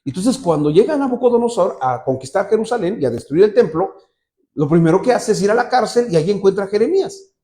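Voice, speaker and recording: A man preaching a sermon to a congregation in church, reading from the Bible and retelling its stories in a lively way, speaking directly to his listeners. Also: sits high, fast. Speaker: pastor.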